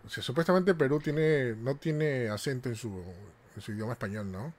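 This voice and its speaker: A man's voice: medium pitch, normal speed, noisy background. A man with a Peruvian accent hosting a casual gaming podcast, chatty and jokey with plenty of slang. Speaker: podcast host.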